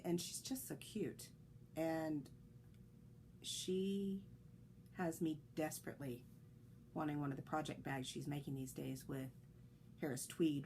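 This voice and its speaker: This is a woman's low-pitched, dark-toned voice with vocal fry, recorded with a little hiss or hum. She hosts a knitting podcast, chatting casually on her own in a rambling way, with fillers, restarts, slight congestion, and coughing.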